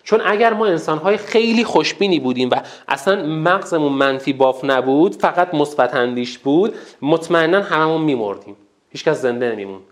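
A teacher giving a colloquial lecture in a public speaking course, asking rhetorical questions and repeating points for emphasis. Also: medium pitch. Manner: animated, asks rhetorical questions to the listeners.

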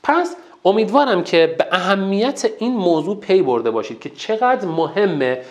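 Sex: man. Role: speaking coach. Delivery: lively, step-by-step lesson. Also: high voice. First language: Turkic language. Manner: lively, emphatic teacher who counts off steps. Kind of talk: online lesson.

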